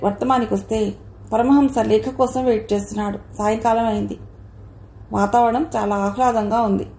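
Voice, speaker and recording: Brief: woman audiobook narrator, horror novel, fairly high voice with a gravelly edge, roomy echo. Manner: even storytelling read. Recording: echoey room.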